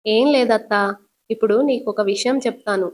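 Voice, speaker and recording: Woman reading a calm reassuring young man. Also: a little high, normal speed, close to an everyday voice. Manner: soothing, coaxing.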